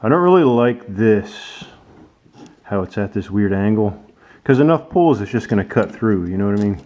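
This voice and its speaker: A man presenting his DIY car project gives relaxed, hands-on commentary in his workshop, moving between a workbench and a truck and thinking aloud. His voice is fairly low and a little mellow, with lively intonation and a moderate pace. The audio is dull, lo-fi, and clearly noisy.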